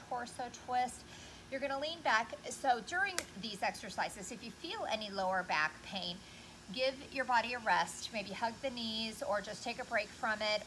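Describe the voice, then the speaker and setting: A woman fitness instructor talking through exercises step by step and counting in an encouraging way, recorded outdoors. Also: on the high side. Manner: encouraging, cueing moves step by step. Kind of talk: instructional workout coaching with counting. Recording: clearly noisy, loud cicadas outdoors. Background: loud buzzing cicadas.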